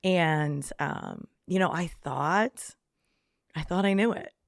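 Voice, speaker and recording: A woman's voice: lowish voice, slow pace, creaky, no room sound, studio quality. A woman guest on a podcast giving a reflective faith testimony, with frequent ums, acting out her own past thoughts in quoted lines.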